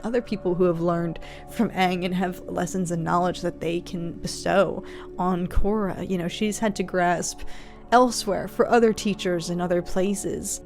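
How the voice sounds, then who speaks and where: A woman's voice: lowish voice, darkish tone. Reflective woman talking over music. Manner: earnest, reflective, rambling analysis. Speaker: reaction video host. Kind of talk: casual spoken commentary on a show.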